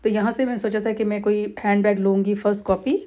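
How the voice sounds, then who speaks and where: A middle-aged woman from Pakistan, narrating a family holiday vlog over clips in a relaxed, rambling way with many pauses and fillers. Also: mid-range voice. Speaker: vlogger.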